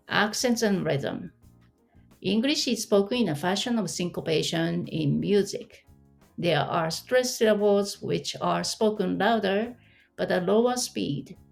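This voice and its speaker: A woman's voice: medium pitch, gravelly, a little mellow. A woman teaching an online language lesson, explaining patiently and asking the listener questions.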